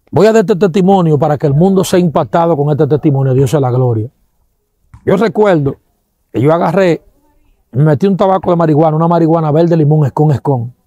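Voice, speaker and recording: A man with a Dominican accent giving an animated testimony, acting out sounds and quoting people, with religious exclamations. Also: a little high, moderate pace, long pauses, no echo, clean studio sound.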